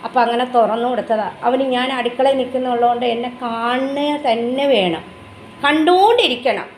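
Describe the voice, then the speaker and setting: High-voiced doting Malayali woman. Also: fairly quick. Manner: doting baby talk mixed with chatty asides. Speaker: vlogger showing her pet dog. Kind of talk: casual home vlog, cooing to her dog. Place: home, kitchen area. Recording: echoey home room with faint background noise.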